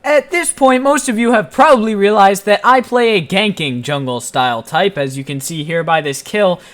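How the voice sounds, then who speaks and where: A man narrating his own gameplay in a voice-over, playful and self-mocking with deadpan jokes. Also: high voice, normal speed. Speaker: gaming channel host. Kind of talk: joking gameplay commentary voice-over.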